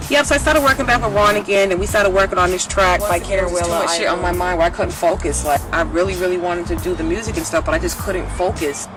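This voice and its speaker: A woman singer talking candidly in an interview, rambling and swearing, with lots of "like". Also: on the low side. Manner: rambling, profane, full of "like". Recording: music playing under the voice.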